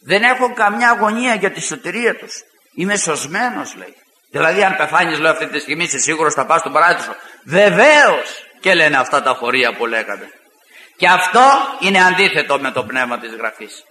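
A man preaching a fiery sermon, rising to shouts and retelling arguments with mocking asides. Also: a little high, animated, a little hiss or hum. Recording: echoey hall with long reverb.

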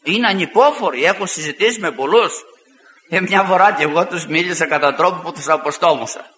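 A man preaching a fiery sermon, rising to shouts and retelling arguments with mocking asides. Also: on the high side. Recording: echoey hall with long reverb.

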